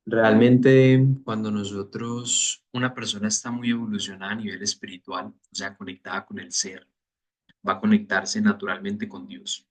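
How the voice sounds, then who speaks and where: A fairly low-voiced man leading a spiritual master class. He explains his ideas step by step, in a deliberate and measured way. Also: flat delivery. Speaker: spiritual teacher.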